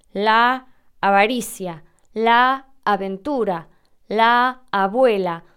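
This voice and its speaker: A woman's voice: medium pitch, clean tone. A woman with an Argentine accent explaining Spanish usage patiently, with examples, as a teacher. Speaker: Spanish teacher answering listener questions. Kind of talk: explanatory lesson.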